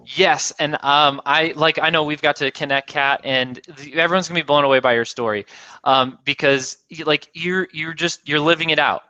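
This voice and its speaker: Man, interview host, enthusiastic, rambling, fairly high voice, dull lo-fi sound. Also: steady tone, normal speed, bright, forceful tone, dry recording. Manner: enthusiastic, rambling, many fillers. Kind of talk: casual video interview.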